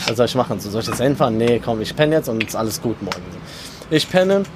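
A young man rambles through a story in casual podcast chat, stacking fillers and acting out what people said. His voice sits at an ordinary middle pitch. Faint traffic noise hums from outside. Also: lively intonation, fast talker. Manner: rambling, acts out quoted dialogue, many fillers. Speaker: podcast co-host.

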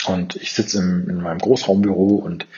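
Low-voiced man coaching in a lo-fi recording. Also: level tone, moderate pace, dark tone. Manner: personal, addresses the listener directly, restarts and repeats words. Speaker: purpose coach and podcast host. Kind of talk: reflective monologue to the listener. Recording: dull lo-fi sound.

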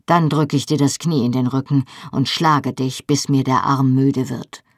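A reader voicing a young Scottish husband who talks bluntly, sternly and mockingly. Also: male voice, medium pitch, fairly even intonation, unhurried, no room sound, clean studio sound.

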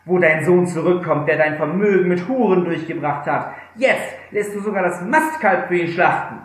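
A man's voice: high-pitched, moderate pace, pitched above the performer's own voice, close to an everyday voice. A man reading aloud who voices a bitter, resentful elder son, recorded in a very echoey room. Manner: bitter, complaining.

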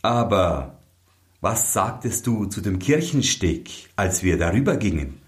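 A man's voice: deep voice, big pitch swings, measured pace. Man playing a suspicious young prince.

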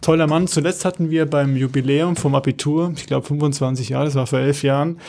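A middle-aged man, reminiscing in a casual podcast chat, reflective and halting. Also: fairly high pitch, steady tone, a little mellow. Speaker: podcast co-host.

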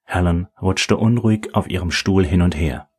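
Deep husky guy narrating an audiobook, calm and even. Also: moderate pace. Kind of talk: scripted narration.

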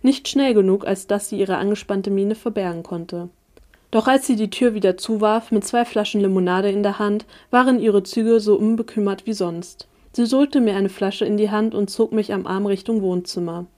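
Woman narrating with a mellow, dark voice. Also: medium pitch, normal speed. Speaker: audiobook narrator. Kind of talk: first-person audiobook narration.

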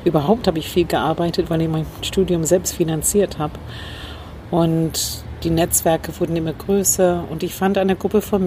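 This communication trainer from Northern Ireland has a warm tone that sits low, and she reflects on her earlier life as an interview guest, pausing and using fillers. The setting is an outdoor city rooftop terrace, with faint traffic and a train going by.

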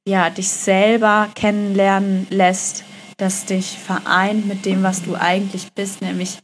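A woman talks straight to one listener in a self-love pep talk, her voice sitting at an ordinary middle pitch. She is gentle and affirming, circling back to the same phrases and settling them with a quiet "ja". Her delivery feels unhurried and encouraging. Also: slight background noise. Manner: gentle, affirming, repetitive phrasing with many "ja" fillers; addresses the listener directly as "du". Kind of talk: motivational self-love monologue.

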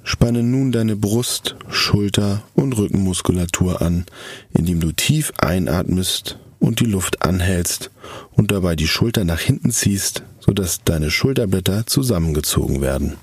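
A man narrating a scripted guided relaxation exercise in a soft, calm, soothing voice with measured, drawn-out instructions. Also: sits low, husky, no room sound.

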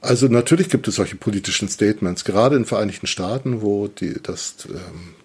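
A man with a somewhat husky, fairly low voice answers interview questions off the cuff. He thinks aloud quickly, dotting his speech with fillers. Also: a little mellow. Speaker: interviewed expert.

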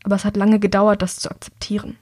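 A woman's voice: mid-range voice, flat delivery, fast, darkish tone, breathy edge, no room sound, clean studio sound. A woman narrator voicing a hurt, blunt young man who speaks emphatically. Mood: earnest.

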